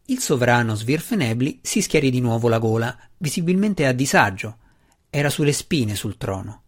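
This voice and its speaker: Brief: man, audiobook narration, steady and expressive, mid-range pitch. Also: normal speed. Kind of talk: scripted narration.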